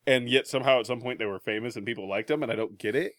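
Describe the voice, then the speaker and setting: A man's voice: medium pitch, racing, fairly bright tone, dry recording, studio quality. A man co-hosting a podcast in casual chat, laid-back, swearing often and laughing a lot. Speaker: podcast co-host.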